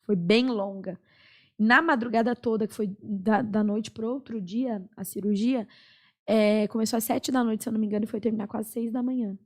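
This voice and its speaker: Young brazilian woman on a podcast, earnest testimony, lots of pauses and "é"s. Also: fairly high pitch, fairly even intonation, a little mellow. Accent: Brazilian Portuguese. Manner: earnest storytelling with many pauses and fillers. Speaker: podcast guest. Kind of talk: personal testimony in a podcast chat.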